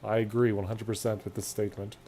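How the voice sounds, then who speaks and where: A man's voice: fairly low pitch, level tone, quick pace, dark tone. A man streaming a video game, chatting and joking as he thinks aloud. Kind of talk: casual gameplay commentary.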